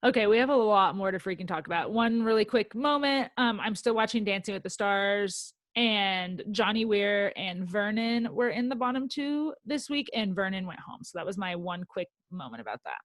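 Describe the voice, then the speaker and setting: A young woman co-hosting a podcast, chatting excitedly about reality TV with lots of "like" and "um". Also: mid-range voice, moderate pace, hardly any pauses, no room sound. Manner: chatty, excitable, says "like" and "um" often. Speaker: podcast co-host. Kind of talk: casual chat about reality TV.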